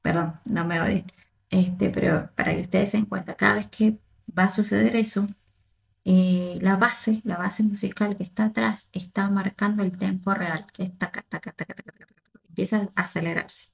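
A woman with a gravelly, creaky voice talks through a performance as a choreographer reacting casually. She gets excited, repeats words and keeps restarting her sentences. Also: medium pitch, moderate pace. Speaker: choreographer and dance teacher reacting to videos.

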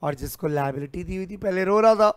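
A man's voice: high voice, quick pace, clean tone. A man teaching a commerce lecture in a playful, theatrical way, acting out little characters, singing snatches and repeating lines for emphasis. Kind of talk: playful classroom lecture with a story.

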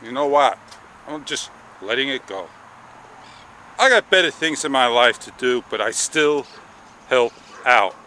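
A man in his forties vlogging outdoors, rambling slowly and haltingly with frustration, on a clip-on mic. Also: mid-range voice, animated, pushed and bright, slight background noise. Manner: slow, halting, frustrated rambling with long pauses. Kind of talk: casual walk-and-talk vlog. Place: outdoors on a sunny garden patio and paths. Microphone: small wireless clip-on mic.

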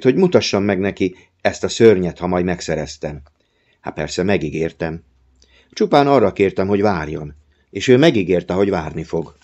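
A man narrates an audiobook in a calm, measured storytelling voice. His pitch is very low. The recording sounds dull and lo-fi.

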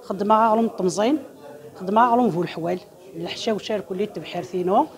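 Brisk woman presenting traditional crafts. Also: mid-range voice. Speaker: craft exhibitor. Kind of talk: introducing her traditional crafts.

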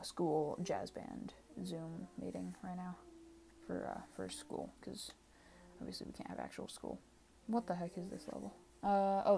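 A woman's voice: lowish voice, gravelly, warm tone, slight background noise. A woman doing casual gameplay commentary at home, always sounding tired, offhand and rambling. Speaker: gaming channel creator. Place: home room. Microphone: desk microphone.

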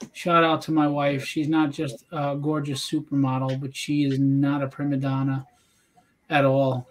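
A man's voice: a little high, poor audio. A man hosting a live stream, chatting casually in a rambling, joking, candid way. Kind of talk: casual chat.

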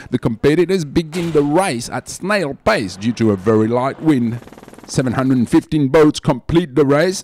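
A man's voice: medium pitch, a little mellow. A man reading a scripted sailing news voice-over.

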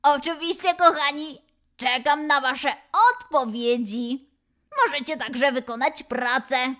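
A woman voicing a cheery male lion mascot who leads a children's dance and gymnastics class, calling out poses with excited, drawn-out cheers. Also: sits high. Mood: cheerful. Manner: excited, sing-song cheering, drawn-out calls. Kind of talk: children's exercise instruction.

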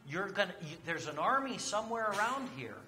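A man's voice: high voice, very animated, fairly quick, pushed and bright, big-room sound, a little hiss or hum, full character voice. A man voicing a stern governor in a retold Bible story, hurling accusations of spying. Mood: accusing. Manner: accusing, insistent.

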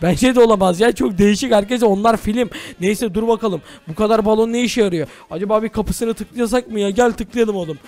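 Excitable young male gamer, very high and rapid; close, dry mic. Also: soft background music. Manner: excitable, addressing viewers, exclaiming. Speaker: gaming YouTuber. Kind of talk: Minecraft role-play commentary.

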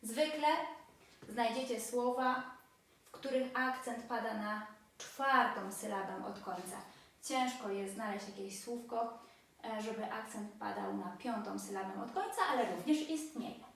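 A fairly high-pitched woman teaches a language lesson, counting syllables aloud and drawing out the example words. Her voice rings through a very echoey room. She sits some distance from the microphone. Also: a little slow, fairly bright tone. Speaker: Spanish teacher. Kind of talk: explanatory lesson.

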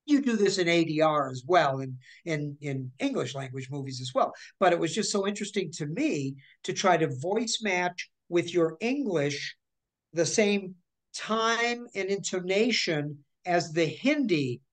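This woman in her forties, a guest voice actor, talks unhurriedly in a lowish voice over a video call from her living room. Her interview storytelling is lively and chatty, punctuated by hand gestures and frequent mid-sentence restarts.

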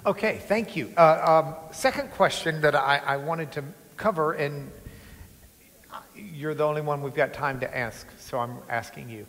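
A man's voice: on the high side, measured pace, a bit bright. Man moderating a panel in a hall. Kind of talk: panel discussion. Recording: long hall reverb.

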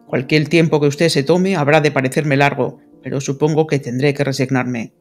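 A woman voicing an earnest, lovesick English lord in an audiobook, speaking formally and pleading gravely. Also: deep voice, steady tone, normal speed, faint music behind. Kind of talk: audiobook character reading.

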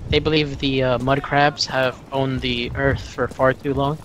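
A man's voice: medium pitch, flat delivery, a little slow, noisy background. A man playing along as co-player in a casual let's play, cracking dry, sarcastic jokes. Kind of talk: casual gameplay banter. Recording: voice call over game gunfire. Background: gunfire from the game.

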